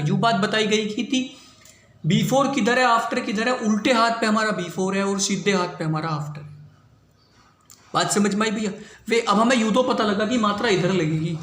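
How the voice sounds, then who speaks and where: A man's voice: sits high, a bit bright, roomy sound. A man teaching a shorthand class, explaining step by step and often checking whether students have understood. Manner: repetitive, checks understanding with "clear hui bhaiya baat". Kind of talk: classroom lesson.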